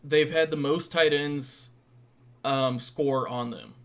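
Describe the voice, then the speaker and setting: A man's voice: a little high, fairly even intonation, slow pace, clean tone. Laid-back American man talking sports. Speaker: sports podcast co-host. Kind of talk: casual sports chat.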